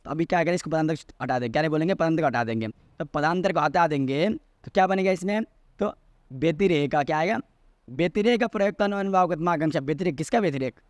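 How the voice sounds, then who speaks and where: A man's voice: a little high, expressive, fast talker, no echo, clean studio sound. A man explaining a classical logic text as a teacher, repeating key terms and asking and answering his own questions. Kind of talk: explanatory lecture.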